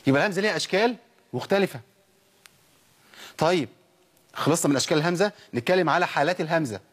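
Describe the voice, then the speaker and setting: A man's voice: on the high side, animated, rapid-fire, husky. A man with an Egyptian Arabic accent teaching Quran recitation in a classroom lecture, asking questions and answering them himself.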